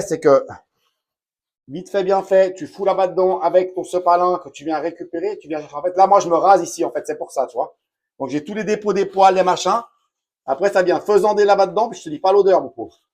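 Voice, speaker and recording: A man's voice: sits high, darkish tone. A man talking casually and bluntly to the viewer while demonstrating a repair in his home bathroom. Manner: blunt, slangy, chatty, addresses viewer directly. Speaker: DIY home repair vlogger.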